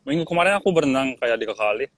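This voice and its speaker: A man's voice: medium pitch, expressive, rapid-fire. A man in his twenties from Switzerland, a tour guide, chatting as a guest in a laid-back, easygoing way over a video call. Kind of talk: casual interview chat.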